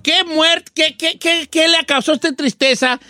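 A man's voice: very high voice, steady tone, unhurried, pushed and bright, no echo. A man hosting a comedic radio show, teasing and playful, often stumbling over his words. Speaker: radio host.

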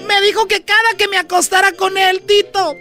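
A man with a Mexican accent voicing a prisoner's sly wife in a shrill, high falsetto. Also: little pitch movement, moderate pace, bright, forceful tone, soft background music. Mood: pleading, sly.

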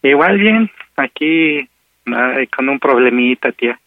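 A man's voice: mid-range voice, animated, slow pace, no room sound, narrow, tinny audio. A man in his thirties with a Mexican accent, chatting casually and a bit hesitantly as a caller to a radio show. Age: 30s. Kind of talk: casual phone chat.

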